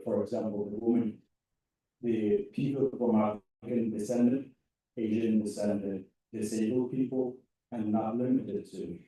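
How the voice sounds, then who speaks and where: A man's voice: medium pitch, warm tone. Earnest young man from Turkey, echoey hall. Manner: earnest, halting, some non-native phrasing. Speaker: student club member. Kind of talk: public comment at a meeting. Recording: echoey hall, mic from a distance.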